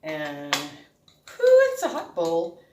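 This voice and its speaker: A woman's voice: fairly low pitch, moderate pace, noisy background. A woman with a Boston accent chats informally and ramblingly as she hosts a casual home cooking vlog. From Boston, United States. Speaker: home cook and video host. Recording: echoey room, distant microphone.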